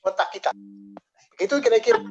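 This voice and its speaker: A man's voice: sits high, steady tone, fast talker, creaky, noisy background. Man on a choppy, breaking-up call line. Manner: hesitant, trailing off with many fillers. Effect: choppy, breaking-up video call audio. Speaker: doctor in an official online meeting. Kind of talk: halting remarks in a meeting. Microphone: video call. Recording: dull lo-fi call audio.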